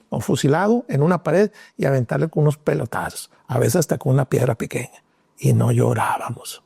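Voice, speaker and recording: A man's voice: fairly high pitch, gravelly, darkish tone, slightly rough, dry recording, studio quality. A middle-aged Mexican man hosting a show, giving a blunt, opinionated monologue with emphatic repetition. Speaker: host.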